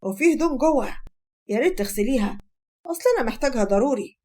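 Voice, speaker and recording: A woman's voice: on the high side, lively intonation, fast, a little mellow. A woman voicing a firm young Egyptian husband who gives orders to his wife and mother-in-law. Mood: commanding. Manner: firm, commanding. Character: stern young husband, calm then domineering.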